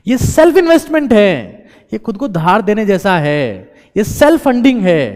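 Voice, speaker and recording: High-voiced man exhorting viewers. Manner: exhorting, repeats key phrases, mixes in English. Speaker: motivational speaker. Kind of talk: motivational talk to viewers. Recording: long reverberant echo.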